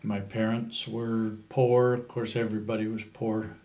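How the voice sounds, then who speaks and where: A man in his seventies with a Western American accent, reminiscing in an interview in a halting, unhurried way. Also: on the low side, level tone, darkish tone. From Utah, USA. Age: 70s. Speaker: interview guest, cowboy poet.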